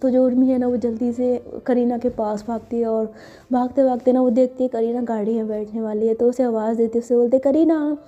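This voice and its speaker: Woman storyteller, casual chatty retelling; dark mellow voice, dull lo-fi sound. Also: on the high side, level tone, fairly quick. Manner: chatty, filler-heavy retelling. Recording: dull lo-fi with faint music.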